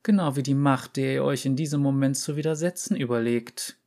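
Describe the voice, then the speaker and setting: A man voicing a calm, eerie female runesmith. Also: mid-range voice, natural voice. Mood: calm, authoritative. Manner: calm and measured. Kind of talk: audiobook reading.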